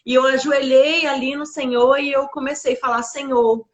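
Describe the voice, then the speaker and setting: Uma mulher dando um testemunho pessoal emocionado, falando com sinceridade e muitos "assim" e "né". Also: female voice, sits high, flat delivery, fairly quick. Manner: earnest, many fillers like "assim" and "né". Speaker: guest sharing her testimony. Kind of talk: emotional personal testimony.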